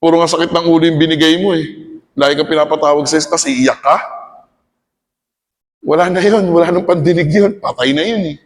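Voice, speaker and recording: High-voiced Filipino man lecturing in a hall. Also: fairly quick, pauses often. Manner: animated, asks the audience "okay?" often, switches between Tagalog and English. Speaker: teacher giving a seminar talk. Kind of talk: lecturing to an audience, mixing in personal stories.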